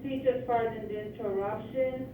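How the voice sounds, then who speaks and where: A woman making a school intercom announcement to teachers, halting and repeating herself. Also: a little high, steady tone, over loud music. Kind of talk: public address announcement. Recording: echoey, distant, noisy intercom speaker.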